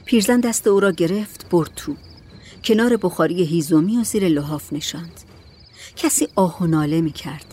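A woman narrating a story in a calm, measured audiobook reading. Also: lowish voice, a little hiss or hum.

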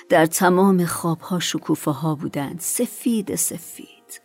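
A woman narrating an audiobook in a soft voice that often drops to a whisper. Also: lowish voice. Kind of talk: scripted narration.

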